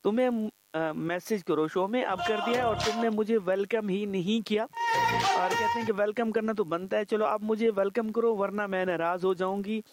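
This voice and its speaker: High-voiced chatty male radio host. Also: expressive, normal speed, soft background music. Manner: chatty, keeps adding 'theek hai janaab'. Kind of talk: casual radio talk with product promotion.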